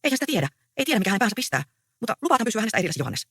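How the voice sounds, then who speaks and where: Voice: mid-range voice, very animated, sharp tone, slightly rough, no room sound, studio quality, voice pushed up, exaggerated voice. A reader voicing an earnest, anxious young peasant woman in a stage play read aloud. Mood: pleading. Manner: pleading, earnest.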